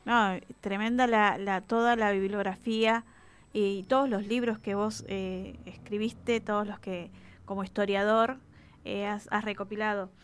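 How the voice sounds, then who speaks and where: A woman hosts a radio interview with a clear, smooth voice at a middle pitch. She mostly chimes in with short agreements and asks the guest questions in a conversational tone. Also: fairly even intonation, measured pace. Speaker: radio host.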